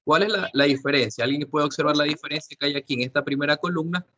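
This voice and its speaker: A man's voice: a little high, fast, sharp tone, muffled recording. A man teaching an English class online, explaining step by step, often repeating himself and checking with questions.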